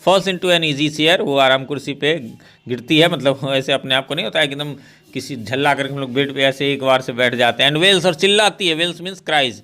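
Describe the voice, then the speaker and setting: A man's voice: medium pitch, moderate pace, bright, forceful tone. A male English teacher explaining a play line by line in a chatty, explanatory lesson, often checking in with tag questions.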